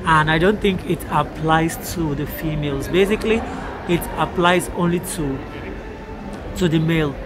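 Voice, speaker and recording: A tired young woman vlogging from a large indoor hall on a phone held at arm's length, talking hesitantly with many ums and uhs. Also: low voice. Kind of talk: casual vlog update.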